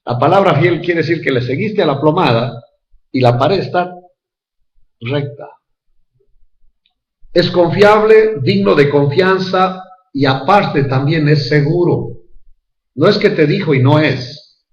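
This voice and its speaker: A man giving a sermon in a conversational, storytelling way, slowing down to stress key phrases. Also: a little high. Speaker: preacher. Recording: echoey, dull hall recording.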